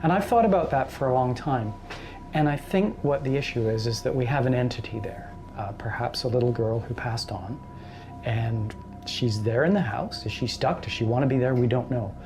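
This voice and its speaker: A man, a paranormal researcher telling his experiences in a casual, animated way. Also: mid-range voice, normal speed, faint music behind. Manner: animated storyteller, acts out quoted voices. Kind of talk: casual storytelling interview.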